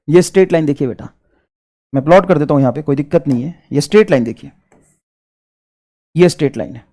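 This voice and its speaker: A man's voice: on the high side, fairly quick, long pauses, mellow. A man teaching a math lesson, repeating each point over and over and calling his students children. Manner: repetitive, drills points over and over; addresses students fondly as children. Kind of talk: classroom lesson.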